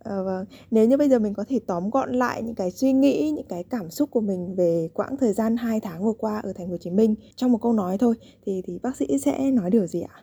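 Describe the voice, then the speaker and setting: A woman hosting a radio program, reading scripted narration and asking questions in a polite, measured way. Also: mid-range voice, mellow, slightly rough, dry recording.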